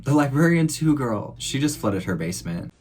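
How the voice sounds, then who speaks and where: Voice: medium pitch, big pitch swings, normal speed, a little mellow, soft background music. A reaction host with a campy, sassy, slangy way of talking, giving casual commentary on a film.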